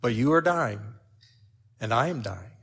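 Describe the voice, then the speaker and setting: An older man preaching a sermon, telling a personal story with lively swings in loudness. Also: medium pitch, unhurried, creaky, breathy edge.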